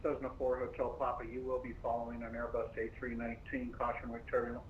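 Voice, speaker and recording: A man working as an air traffic controller over a tinny radio link, giving clipped instructions with filler pauses. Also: medium pitch, monotone. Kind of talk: radio phraseology.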